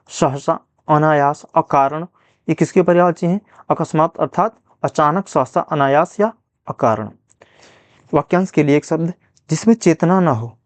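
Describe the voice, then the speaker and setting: A man's voice: a little high, a little mellow, no room sound. A man teaching a Hindi grammar revision lesson, asking questions and then answering them himself, repeating each answer. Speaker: exam prep teacher.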